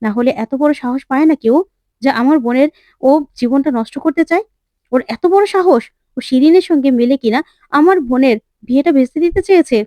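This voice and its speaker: A woman's voice: high voice, fairly quick, warm tone, no echo, close to an everyday voice. A stern middle-aged head of the house who scolds and gives orders, voiced by a woman narrator in a serial recap. The delivery is dry and close. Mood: angry. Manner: scolding, commanding.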